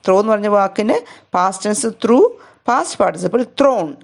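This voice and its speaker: A woman's voice: mid-range voice, fast talker, gravelly. A woman teacher with a Malayali English accent patiently explaining grammar exercises to pupils, reading example sentences aloud and explaining them.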